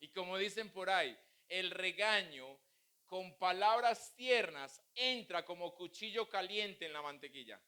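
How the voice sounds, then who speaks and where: A man's voice: sits high, lively intonation, measured pace, pushed and bright, clear, resonant tone. A male pastor preaching a sermon, mixing humorous family stories with teaching. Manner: humorous, anecdotal preaching with acted quotes.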